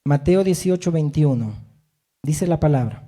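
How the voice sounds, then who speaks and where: A man's voice: fairly high pitch, expressive, a little slow, warm tone. A man preaching a sermon as pastor, emphatic, rising and falling, with frequent amens.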